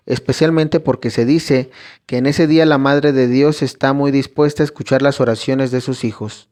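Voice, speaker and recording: A man reading a scripted story narration in a steady, measured way. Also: mid-range voice.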